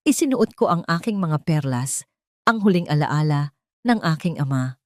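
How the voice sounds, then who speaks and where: A woman with a fairly low voice narrates a first-person story, leaning into suspense and emotion. The sound is dry and close, with no room around it. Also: lively intonation, moderate pace, no echo.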